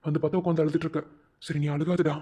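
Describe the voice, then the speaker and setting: A man voicing a caring middle-aged father in a cartoon drama, speaking in a steady, soothing, reassuring way. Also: a little high, very fast, breathy edge.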